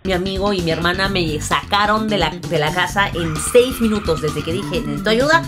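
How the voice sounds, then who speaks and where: A woman's voice: fairly low pitch, moderate pace, loud music behind the voice. Chatty young woman sharing a story. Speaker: vlog co-host. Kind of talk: storytime chat.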